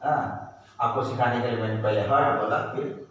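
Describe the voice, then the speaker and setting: A man's voice: medium pitch, moderate pace, highs cut off, a little hiss or hum. A man teaching a primary school English class, breaking words into sounds and drawing out English phrases for pupils to repeat. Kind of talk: classroom lesson in Hindi and English. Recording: echoey room, voice from far off.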